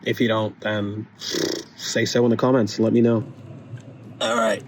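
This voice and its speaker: A man's voice: on the low side, flat delivery, moderate pace, a little hiss or hum. Self-mocking man fixing his car. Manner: self-mocking, joking, swears often. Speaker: DIY car vlogger. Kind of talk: casual self-filmed repair commentary. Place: working on a car, on the floor.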